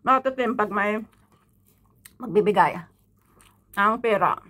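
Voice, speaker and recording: A woman's voice: medium pitch, measured pace, bright, forceful tone. Middle-aged woman talking while chewing. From Philippines. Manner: chatty, gossipy, laughs often. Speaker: vlogger. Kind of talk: casual mukbang vlog chat.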